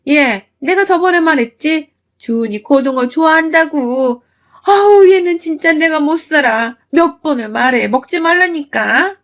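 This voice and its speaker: A woman voicing a harsh, scolding mother-in-law in a storytelling narration, raising her voice into shrill insults. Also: expressive, unhurried, fairly bright tone, exaggerated voice. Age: older. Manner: shrieking, insulting, cutting.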